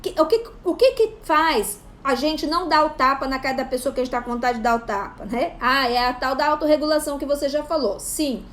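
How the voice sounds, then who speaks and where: Animated high-voiced mom giving parenting advice. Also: female voice, fairly quick, few pauses, slight background noise. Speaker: psychopedagogue and parenting channel host. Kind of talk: casual advice talk to camera.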